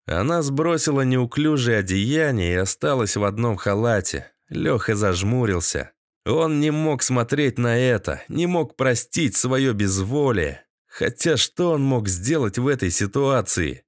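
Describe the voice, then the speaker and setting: Guy narrating an audiobook, steady dramatic read, dry. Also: mid-range voice, unhurried, dry recording. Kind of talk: scripted narration.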